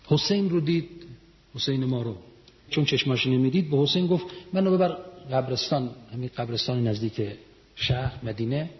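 A man giving a religious sermon, telling stories and rising to emphatic peaks. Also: medium pitch. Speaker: religious lecturer. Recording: muffled sound in a reverberant hall.

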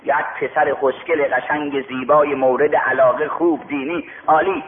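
A man's voice: medium pitch, fairly even intonation. A man preaching a sermon, retelling a religious story and acting out its dialogue. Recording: echoey tinny radio broadcast.

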